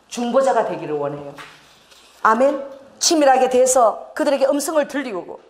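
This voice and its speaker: A woman pastor with a Gyeongsang Korean accent, preaching an animated sermon to her congregation and prompting them to respond. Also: mid-range voice.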